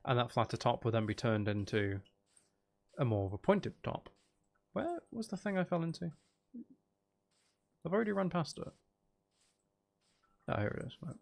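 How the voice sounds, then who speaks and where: A man with a middling pitch and a noticeably creaky, fry-edged, slightly mellow voice chats casually as a live game streamer. He speaks at normal speed, pausing often, tossing playful, teasing banter to his chat.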